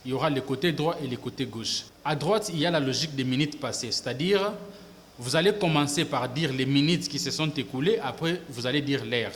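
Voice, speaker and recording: A man giving a language lesson to camera, slow and careful, repeating phrases to model pronunciation. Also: mid-range voice. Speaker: English teacher. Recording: long reverb with faint background noise.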